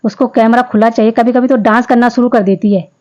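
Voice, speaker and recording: Woman in her fifties, chatty home vlog voice-over, mellow voice, dull lo-fi sound. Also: a little high, steady tone, fairly quick. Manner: chatty, homely, talks to viewers directly. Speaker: vlogger. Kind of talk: casual vlog voice-over narration.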